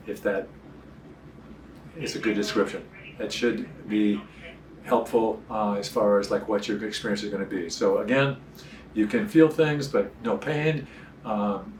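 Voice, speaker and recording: A man speaking as an oral surgeon, explaining a procedure to a patient in a plain, halting, step-by-step way. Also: lowish voice. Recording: echoey room, distant mic, light noise.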